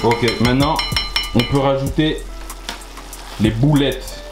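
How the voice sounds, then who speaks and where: A man in his twenties, co-hosting a home video, chats casually and gives cooking instructions to the camera in a mid-range voice at a slow pace. He is indoors in a small tiled home kitchen, picked up by a camera at about arm's length or further. The kitchen is echoey, with music and frying adding background noise.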